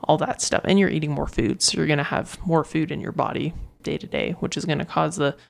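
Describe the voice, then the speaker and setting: Chatty woman fitness coach, low gravelly voice. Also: steady tone, brisk. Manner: chatty, rambling, many fillers and restarts. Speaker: fitness coach podcast host. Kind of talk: casual solo podcast talk.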